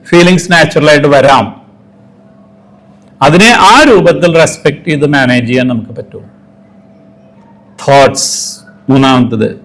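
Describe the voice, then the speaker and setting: A man's voice: a little high, low-quality recording. A man giving an interactive talk, putting many questions to his audience and acting out everyday sayings.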